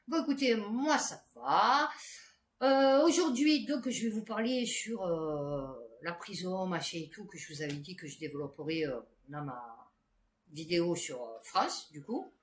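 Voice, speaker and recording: A woman's voice: on the low side, expressive, a little slow. A woman vlogger telling a story to camera in a casual, rambling way, full of fillers and restarts. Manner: chatty, many fillers and restarts. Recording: echoey room with faint background noise.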